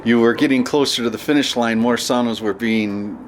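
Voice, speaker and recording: A man's voice: medium pitch, fairly quick. Guy hosting a sauna podcast, kinda rambly, bit of hiss behind him. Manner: rambling, warm questions with fillers. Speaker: podcast host. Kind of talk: casual interview chat. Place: inside a sauna at an outdoor festival.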